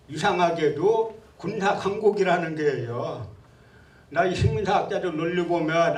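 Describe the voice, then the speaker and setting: A man's voice: fairly high pitch, roomy sound, recorded from a distance. A man giving a public history lecture, scornful and full of rhetorical questions.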